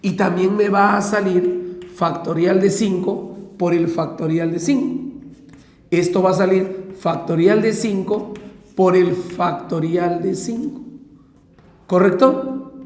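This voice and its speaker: A man's voice: sits high, a little mellow. A man with a Peruvian Spanish accent, a math teacher giving an exam-prep lecture step by step and checking in with his listeners. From Peru. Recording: echoey room with long reverb.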